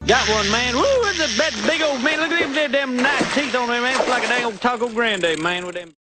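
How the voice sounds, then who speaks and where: An actor playing a laid-back Southern man with a Southern accent, speaking in a mumbled run-on drawl full of repeated fillers in an animated sitcom. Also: very high voice, fairly quick, over loud music. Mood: excited.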